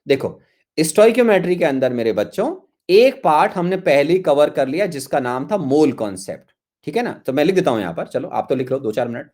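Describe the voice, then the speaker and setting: Guy teaching chem online, fairly high voice, keeps saying listen listen, warm coaxing. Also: big pitch swings, fairly quick. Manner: coaxing, repeats phrases, calls students "my children". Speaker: chemistry teacher. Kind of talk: online class lecture.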